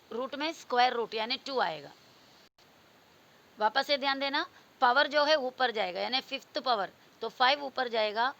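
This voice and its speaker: A woman's voice: sits high, fairly bright tone, lo-fi sound. A woman teaching a school maths lesson, explaining patiently and repeating each step. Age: adult. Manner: patient, repetitive explaining, mixing English number words into Hindi. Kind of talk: classroom-style maths lesson.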